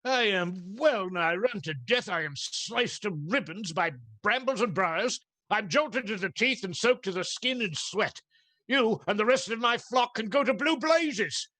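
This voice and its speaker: An actor playing a loud, hot-tempered, blustering friar who laughs and grumbles in a radio play. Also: male voice, high voice, animated, measured pace, no room sound, heavily acted. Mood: exasperated. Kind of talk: stage radio-play acting.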